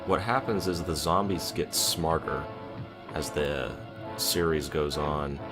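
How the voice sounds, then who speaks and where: A man giving chatty, opinionated commentary while watching a film. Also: extremely low pitch. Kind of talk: casual movie commentary. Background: music playing loudly.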